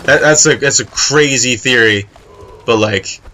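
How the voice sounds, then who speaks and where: A man's voice: medium pitch, measured pace, bright, forceful tone, a little hiss or hum. A man giving casual, chatty commentary while playing a video game, swearing freely and talking to the game character. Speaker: let's play host.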